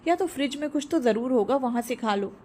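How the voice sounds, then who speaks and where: A cheerful young woman who answers quickly and warmly in a spoken story, her voice fairly high, as a woman narrator reads her. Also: animated. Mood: affectionate. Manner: quick, affectionate.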